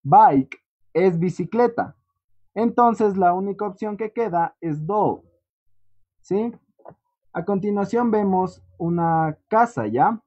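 A teacher leads an online class at an unhurried pace, pausing to check in with a questioning "¿sí?". The voice comes through a computer mic on muffled, lo-fi audio. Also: mid-range voice. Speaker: English teacher.

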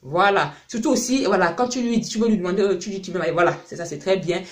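A man's voice: sits high, fast. A man from France, a parent and channel host, giving a casual spoken lesson, chatty with lots of fillers and repeated words.

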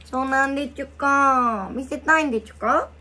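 A woman's voice: high-pitched, normal speed, pushed and bright. A woman playing a coy, innocent three-year-old in lisping baby talk during a prank call. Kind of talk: prank role-play on a call.

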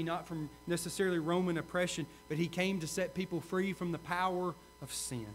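A male pastor preaching a sermon, earnest, repeating key questions and swinging from loud to hushed. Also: sits high, slight background noise.

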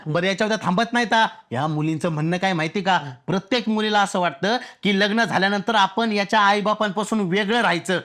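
Bright, high-voiced young bachelor played by a man, exasperated and indignant, comic sketch. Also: a little fast, few pauses. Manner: indignant ranting, exasperated complaints. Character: frustrated bachelor desperate to marry, ranting.

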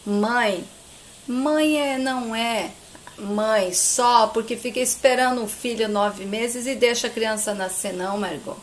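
A woman's voice: on the high side, steady tone, measured pace, a little hiss or hum, close to an everyday voice. A woman voicing a bitter grown son who coldly accuses his mother. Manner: cold, accusing, repeats her name.

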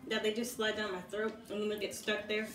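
A woman's voice: mid-range voice, completely flat delivery, fast talker, fairly bright tone. A young woman guesting as the roommate, chatting casually, giggly and poking fun at herself. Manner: giggly, self-mocking, jokey. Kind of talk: casual chat. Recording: echoey room, distant mic, background noise.

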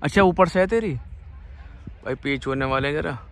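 A young man vlogging casually outdoors in an open field, calling out excitedly and laughing as he talks to people around him. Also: on the high side, moderate pace. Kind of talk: casual outdoor vlog commentary.

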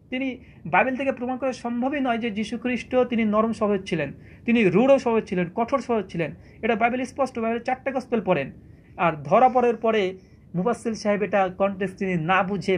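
Fast, high-pitched argumentative man. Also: a little hiss or hum. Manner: argumentative, rhetorical questions, quotes scripture. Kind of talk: polemical religious lecture.

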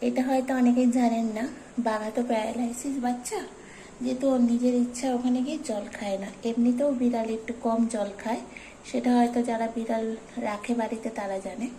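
A woman narrating a casual pet vlog, patiently explaining to viewers in a calm way. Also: a little high, a little fast, roomy sound, slight background noise, poor audio. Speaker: pet vlogger.

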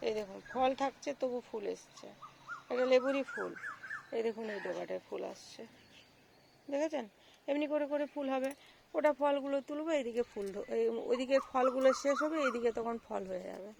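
A woman with a cold, hoarse and gravelly, chatting to viewers as she walks around her rooftop garden and points out her plants. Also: high-pitched, slight background noise. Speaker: gardening vlogger. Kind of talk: casual walk-through vlog.

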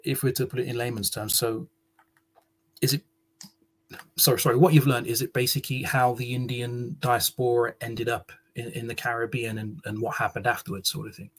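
Husky man hosting a video call. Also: medium pitch, level tone, brisk, fairly bright tone, poor audio. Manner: hesitant, many fillers and restarts. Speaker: interviewer. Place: small indoor room. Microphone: video call webcam.

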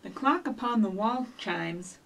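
Animated and unhurried, a middle-aged storytime host speaks in a gravelly, somewhat bright mid-range voice. The children's librarian talks and reads aloud to young children, encouraging them directly. A distant microphone in a small office with shelves picks her up, along with slight background noise.

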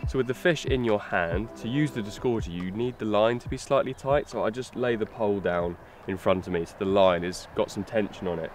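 A young man giving a lakeside fishing tutorial, explaining steps in a relaxed way with fillers as he handles his gear. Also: on the low side, fairly quick, hardly any pauses, over music. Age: young adult. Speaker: fishing instructor. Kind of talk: outdoor tutorial demonstration. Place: lakeside outdoors. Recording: faint outdoor noise.

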